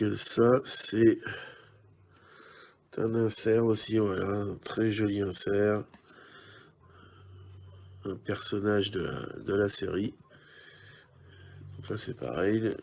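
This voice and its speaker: A man's voice: fairly low pitch, creaky, a little mellow, slight background noise. A man giving casual, chatty commentary while opening trading card packs, musing aloud with many hesitations.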